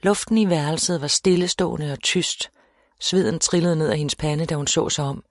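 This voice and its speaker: A woman reading a novel aloud as an audiobook narrator, in a steady, measured storytelling manner. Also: low-pitched, no room sound, clean studio sound. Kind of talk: scripted narration.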